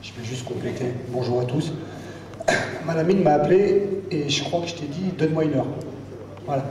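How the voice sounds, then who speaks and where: A man's voice: fairly high pitch, moderate pace, darkish tone. A man, a boxing coach, speaking informally at a press conference and repeating himself for emphasis. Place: echoey press conference room. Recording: echoey hall, distant mic, faint noise.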